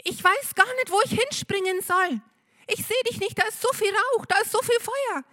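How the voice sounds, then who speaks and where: A woman's voice: normal speed, dry recording, studio quality. Benno, a woman doing a frantic crying boy. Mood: panicked. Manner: crying, frantic, high-pitched shouting. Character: panicked young boy trapped in a burning house.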